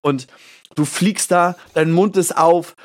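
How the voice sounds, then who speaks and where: A man's voice: on the high side, fairly even intonation, takes it slowly. A man co-hosting a podcast, telling a story casually and animatedly, filling his speech with little tags and acting out his own thoughts. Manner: acts out his own thoughts as quoted lines. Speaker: podcast co-host.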